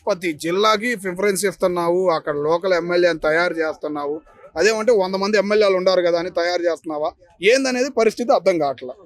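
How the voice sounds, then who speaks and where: A man with an Andhra Pradesh Telugu accent speaks his mind in a public street interview. He talks quickly in a high voice. He presses his points with one rhetorical question after another. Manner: emphatic, fires rhetorical questions. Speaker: member of the public giving opinion.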